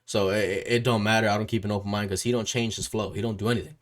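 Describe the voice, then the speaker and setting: Rapid-fire and fairly flat in pitch, his lowish voice carries a casual interview he hosts as a music YouTuber. The man, from Puerto Rico or of Puerto Rican family, rambles, repeats phrases, and checks in with questioning tags.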